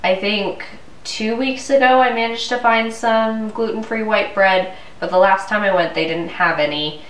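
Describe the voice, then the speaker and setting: In her living room, a congested young woman with a cold complains to her vlog camera in a chatty, fed-up way. She speaks at a moderate pace in a mid-range voice with a steady tone. The recording has distant, roomy camera audio from a mic placed a few feet from her.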